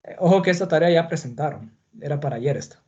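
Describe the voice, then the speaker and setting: A man's voice: fairly high pitch, expressive, fast, warm tone, muffled recording. A man teaching a class on punctuation, explaining patiently and checking in with his students. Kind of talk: online class on Spanish punctuation.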